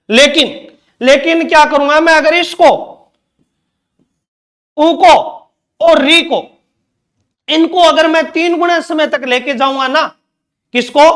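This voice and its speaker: Slow, high-pitched male Hindi teacher. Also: a bit bright. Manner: asks questions then answers them himself, repeats key terms. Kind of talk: exam-prep lecture.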